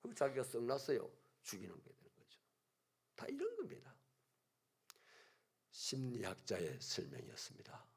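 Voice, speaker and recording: A pastor with a Gyeongsang accent preaches with animated storytelling, and his voice swings widely up and down. The tone is gravelly and a bit husky, and it sits somewhat high for a man. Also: normal speed, pauses often. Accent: Gyeongsang Korean. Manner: animated storytelling, acting out scenes. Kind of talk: sermon. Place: church sanctuary.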